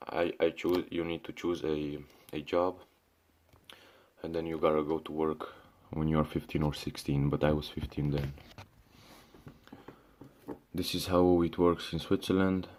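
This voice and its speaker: Swearing and tossing out "bro," a young Syrian vlogger rambles through a casual rant, restarting often and leaning on fillers. His voice rumbles low, a little mellow, unhurried and with little pitch movement.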